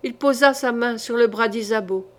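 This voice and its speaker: Woman, audiobook narrator, fairly high voice, measured, dramatic reading of a historical novel. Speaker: audiobook reader.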